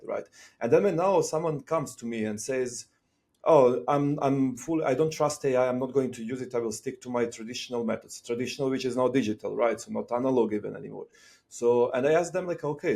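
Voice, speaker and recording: A man from Serbia talking in a relaxed podcast conversation, thinking aloud with fillers and restarts. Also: medium pitch. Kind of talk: casual conversation.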